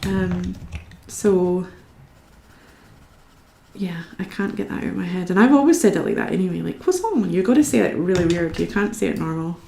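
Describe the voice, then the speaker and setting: Scottish woman, live stream host, gravelly, mellow tone, roomy sound. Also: on the low side, normal speed. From Scotland. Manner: chatty, talks to viewers while working. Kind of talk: casual chat while colouring.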